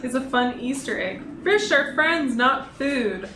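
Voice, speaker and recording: A woman's voice: high voice, a little slow. A woman hosting a casual chat while touring a game world, playful and giggly. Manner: playful, giggly, slips into a pirate voice. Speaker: host. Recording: echoey room with steady noise.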